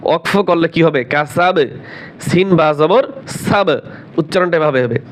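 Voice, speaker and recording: A man teaching Quran recitation, spelling words out letter by letter, quizzing learners, and chanting verses slowly and drawn out. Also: fairly high pitch. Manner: drills letter by letter, asks learners questions, slow drawn-out chanting.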